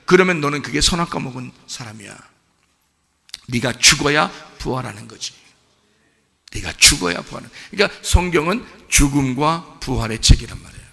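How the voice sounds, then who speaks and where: A man preaching a sermon as pastor, firing rhetorical questions at the congregation and swinging from hushed asides to shouted exhortation. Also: a little high, gravelly, long reverb tail. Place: church sanctuary.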